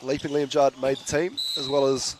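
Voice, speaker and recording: A man with a New Zealand accent doing live basketball commentary in a relaxed, chatty way, trading jokes with his co-host. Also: medium pitch, brisk, noisy background. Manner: laid-back, chatty, laughs easily. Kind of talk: live sports commentary with banter.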